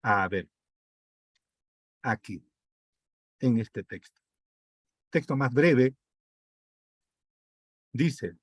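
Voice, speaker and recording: Male teacher with a sore, husky throat; dry sound, slow unhurried pace. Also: mid-range voice, fairly bright tone, no room sound. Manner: reads text aloud, then breaks it down with rhetorical checks. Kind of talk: online reading comprehension class.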